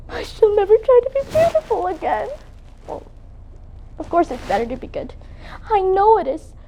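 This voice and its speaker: Woman doing a dramatic little orphan girl, squeaky high, voice swoops all over, flowery gushing. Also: darkish tone. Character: dreamy, dramatic orphan girl, about eleven. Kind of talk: competitive humorous interpretation.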